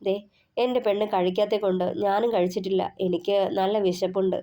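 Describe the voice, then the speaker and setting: A woman voicing a caring young man who coaxes and gently teases his partner in an audio story. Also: mid-range voice, steady tone, brisk, close to an everyday voice. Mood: coaxing. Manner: coaxing, gently teasing.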